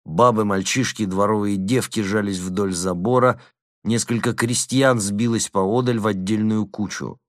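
A man narrating a classic novel with an expressive, dramatic reading. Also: lowish voice, a little slow, no room sound, studio quality. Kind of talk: literary audiobook narration.

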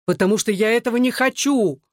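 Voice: mid-range voice, a little fast, dry recording, studio quality, pitched above the performer's own voice, lightly acted. A reader doing a defiant young man. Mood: shouting. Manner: argumentative, raised voice. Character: young man, defiant military academy graduate. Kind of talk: audiobook reading.

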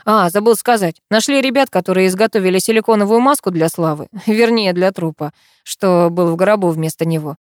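A woman's voice: mid-range voice, fairly quick, hardly any pauses, no echo, natural voice. Woman reading a teasing male friend. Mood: matter-of-fact. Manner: dry, teasing, grumbling.

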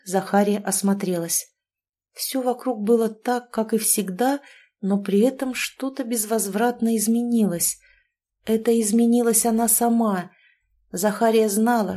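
Fields: Sex: woman. Role: narrator. Style: storybook narration. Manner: calm, even. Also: medium pitch.

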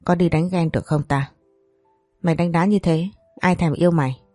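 Woman doing young woman friend, exasperated, grumbling, mellow tone, storybook reading. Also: lowish voice, steady tone, moderate pace, dry recording, faint music behind, lightly acted.

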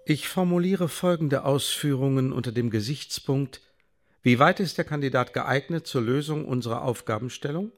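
A male actor voices a scheming intelligence official for a radio play, his delivery formal, measured and officious with an undercurrent of quiet menace. The medium-pitched voice sounds natural, and the mood is clinical and formal.

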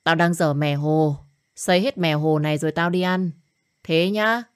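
A woman's voice: sits low, normal speed, clear, resonant tone, close to an everyday voice. A woman voicing a hot-tempered middle-aged father who talks curtly.

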